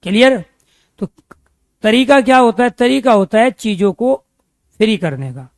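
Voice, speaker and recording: A man giving an exam-prep Hindi grammar lecture, drilling students with repeated questions and stretching out key terms slowly. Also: sits high, big pitch swings, dry recording.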